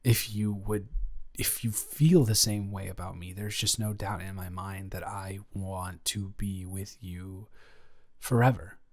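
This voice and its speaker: In an improvised romantic audio roleplay, a man plays a nervous, lovestruck young man who stammers and rambles while confessing to his best friend. His voice is low-pitched and a little slow, with a flat delivery, and the mood is tender and earnest.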